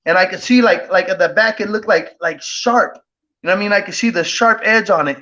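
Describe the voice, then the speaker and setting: High bright-voiced man rambling through a story. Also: brisk. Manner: rambling, with many fillers and tag questions. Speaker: guest. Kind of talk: casual storytelling. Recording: dull lo-fi audio.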